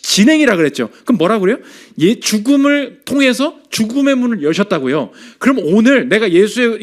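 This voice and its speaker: A male pastor preaching a sermon, emphatic and full of rhetorical questions, swinging from loud urgency to hushed storytelling. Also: high-pitched.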